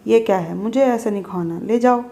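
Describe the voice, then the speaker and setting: A woman doing a shrill nagging mother-in-law. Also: normal speed, lightly acted. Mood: scolding. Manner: shrill, nagging, shouts orders. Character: scolding, fussy older mother-in-law.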